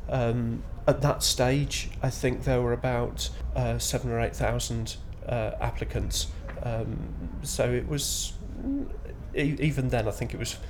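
A fifty-year-old man with a Shetland accent, giving spontaneous interview answers in a hesitant, halting way with frequent pauses. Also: medium pitch, steady tone. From Shetland, Scotland. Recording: clear background ambient noise.

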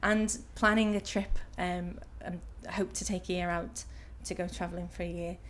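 Her pitch is fairly low and her tone steady, moving at a moderate pace with slight background noise. This Liverpool woman in her thirties, speaking with a Liverpool accent, fields interview questions casually and hesitantly with plenty of ums.

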